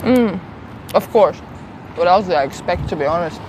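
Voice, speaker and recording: A travel streamer with a slight Swedish accent chats casually to her live-stream viewers outdoors on a city street, holding her phone at arm's length. Her lowish voice is animated at a normal speed, and she's chatty and self-deprecating, talking to chat while eating. City traffic and street noise fill the background.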